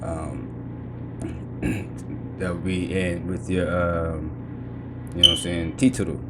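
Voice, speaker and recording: A man's voice: low voice, little pitch movement, extremely slow, heavy background noise. A man in casual commentary, explaining and correcting points step by step and repeating himself as he goes. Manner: explains points over and over, repeats "you know what I'm saying". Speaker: commentator reacting to a teaching clip.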